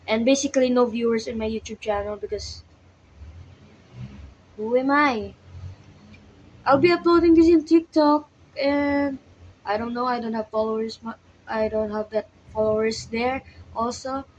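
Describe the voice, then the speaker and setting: Speaking into a phone held close at a small workplace counter indoors, a young Filipino woman in her twenties practices English in a casual vlog, talking to herself in a hesitant, self-conscious, sleepy way. Her fairly high voice is steady, at normal speed with many pauses, and carries a Filipino accent. The highs are cut off and there's slight background noise.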